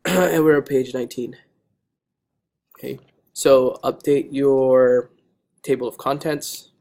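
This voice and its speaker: Male teacher, slightly hoarse, monotone delivery, steady and patient as he walks students through class notes on a screen recording. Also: medium pitch, slow pace. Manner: steady, patient, checks in with repeated okays. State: hoarse, losing his voice. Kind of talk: recorded math lesson over digital notes.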